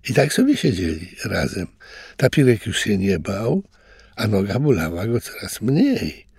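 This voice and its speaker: A man reading a children's story aloud, calm and animated, doing voices for the characters. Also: fairly low pitch, measured pace, vocal fry, breathy edge, dry recording, clean studio sound.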